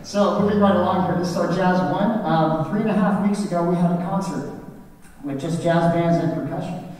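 A man who leads a high school band, addressing a concert audience with proud, friendly remarks and a dry sarcastic streak. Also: a little fast, darkish tone. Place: large school auditorium. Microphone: distant mic. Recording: echoey auditorium from far off.

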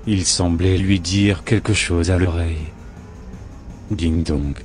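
A man reading a horror story aloud in a measured, grave narration. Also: low voice, steady tone, darkish tone, faint music behind.

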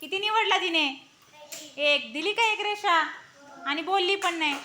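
A woman teaching a class of young children, coaxing and praising them and urging them to answer loudly. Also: very high-pitched, a little slow. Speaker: primary school teacher. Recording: noisy classroom recording.

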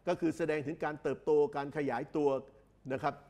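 A man's voice: a little high, fairly even intonation, a little mellow. Male tutor lecturing. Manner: explains slowly and repeats phrases, drawing out English words. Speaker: English exam tutor. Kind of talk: recorded lecture.

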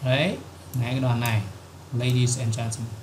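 Flat-voiced man explaining a software tutorial. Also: medium pitch, normal speed. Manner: step-by-step explaining, frequent "there" fillers. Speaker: tutorial host. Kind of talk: screen-recorded software tutorial. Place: at a computer, recording his screen. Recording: echoey room with clear keyboard typing noise.

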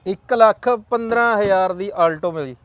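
A man's voice: high voice, unhurried, clear, resonant tone, no room sound. A man with a Punjabi accent hosting a casual car vlog with hearty, chummy banter, calling out prices like a hawker. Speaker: video host. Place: outdoor car yard by a road.

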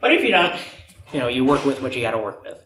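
With quick pacing and big pitch swings, a young man at medium pitch and fairly bright tone coaches jiu-jitsu while actively demonstrating on the floor. It's recorded in an echoey indoor matted gym, from a distance, with background noise.

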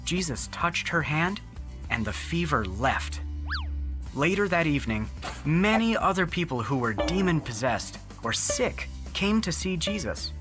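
Lively children's Bible story narrator. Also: medium pitch, a little slow. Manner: friendly, explaining simply. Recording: music underneath.

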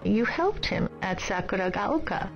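A gentle old grandmother shopkeeper from a video game, courteous and unhurried in her delivery. Her voice crackles with fry, and the slightly dull game audio has music playing behind it. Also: mid-range voice, expressive. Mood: polite, grateful. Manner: polite, measured, deliberate. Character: gentle, courteous elderly grandmother running a china shop. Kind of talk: scripted video game dialogue. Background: clear background music.

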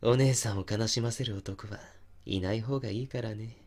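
A man playing an obsessive, possessive young stalker in an intimate ASMR voice drama, softly coaxing and teasing with menace. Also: mid-range voice, very animated, slow. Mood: tender, possessive, menacing.

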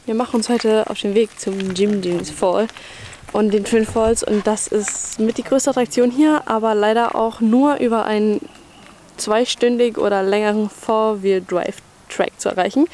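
A woman in her twenties with a medium-pitched, slightly mellow voice chats casually as a travel vlogger, often laughing between sentences. She's outdoors in the bush beside a car, holding the camera at arm's length, and its audio picks up clear background noise.

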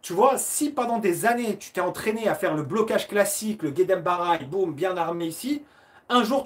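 A man teaching karate and casually answering viewers' questions on a live stream, with an enthusiastic, chatty manner, greeting viewers by name and adding sound effects. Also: a little high.

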